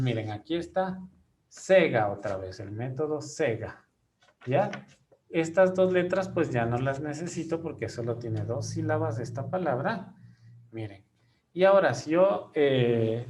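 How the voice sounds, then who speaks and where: A man's voice: fairly high pitch, a little hiss or hum. A man teaching a classroom lesson, explaining each step patiently and checking in with his students often.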